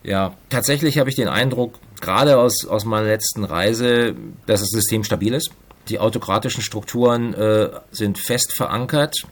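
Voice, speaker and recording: A middle-aged man, an economics professor, giving careful analytical answers in an interview, pausing often to find his words. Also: lowish voice. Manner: measured, analytical, with frequent hesitations.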